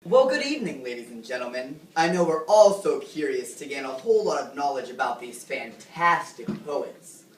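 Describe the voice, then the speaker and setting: Playing a flashy host in a homemade talk-show sketch, a teenage girl fawns over her guests in a gushing mood. Her rumbling low voice is animated, moderately paced and leaves few pauses, while the echoey room, distant mic and faint noise color the sound.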